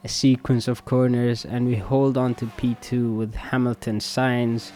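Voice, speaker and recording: A man's voice: mid-range voice, flat delivery, measured pace, dark tone, slight background noise. A man giving casual, rambling commentary over his own racing game, his voice still recovering from an illness and full of hesitant fillers. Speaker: gamer and video creator.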